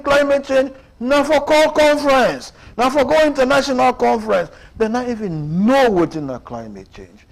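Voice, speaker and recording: A man's voice: sits high, gravelly, low-quality recording. A man in his seventies with a Sierra Leonean Krio accent, giving impassioned political commentary as a radio guest, emphatic and repetitive as he mixes Krio and English. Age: 70s.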